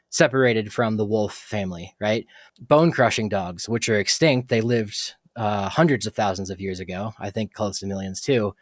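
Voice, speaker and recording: A man's voice: mid-range voice, no echo, clean studio sound. Rambling man hosting a dog podcast. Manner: rambling, tangent-prone, many fillers. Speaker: podcast host. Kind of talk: casual solo podcast talk.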